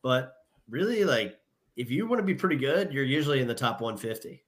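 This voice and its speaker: A man co-hosting a college sports podcast, giving quick takes with joking asides. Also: medium pitch, animated. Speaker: podcast co-host.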